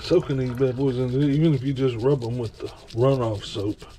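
As he washes his dog at the kitchen sink, a vlogger rambles along in a folksy, casual way, now and then talking to the dog. His voice is mid-range and dark, with a steady tone and a normal speed. Running water can be heard behind him.

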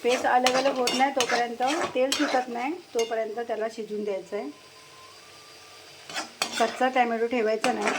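A woman's voice: on the high side, little pitch movement, normal speed, long pauses. A woman, explaining a home cooking recipe step by step and chatting to her parrot between steps. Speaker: home cook. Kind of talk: cooking demonstration. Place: home kitchen. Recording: loud kitchen noise. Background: sizzling pan and clattering pots.

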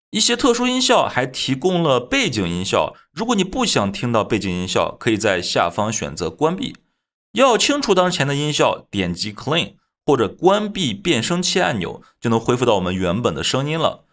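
A man narrating a scripted software tutorial as its host, explaining things step by step. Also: medium pitch.

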